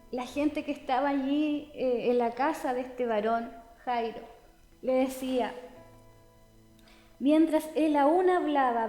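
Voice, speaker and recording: A woman preaching a sermon, speaking earnestly and addressing listeners directly. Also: sits high. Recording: echoey hall with soft music. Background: soft background music.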